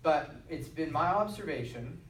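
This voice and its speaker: A man gives a classroom lecture, tagging his points with "okay?" and acting out the lines he quotes. His voice sits a little high. He is recorded from across an echoey room, with faint noise behind. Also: expressive, normal speed. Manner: repeats "okay?" and acts out quotes. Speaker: teacher. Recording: roomy, from far off, some noise.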